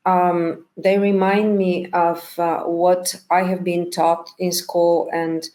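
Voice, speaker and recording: In a lowish, warm voice with flat delivery, a middle-aged woman answers interview questions about her work as a documentary director. Bulgarian is her first language, so she goes slowly and thoughtfully, often pausing to find her words.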